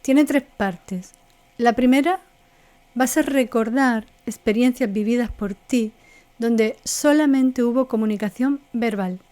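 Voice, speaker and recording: Woman coach teaching with a slightly high voice. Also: unhurried, a little mellow, no echo. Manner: didactic, lists items in short paced phrases; acts out example tones of voice. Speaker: NLP coaching instructor. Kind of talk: online course lecture.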